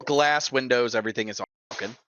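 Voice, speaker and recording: A man's voice: mid-range voice, brisk, a bit bright, slight background noise. A man narrating a tabletop game as its game master, loose and casual, laughing often. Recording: dull, lo-fi and dry.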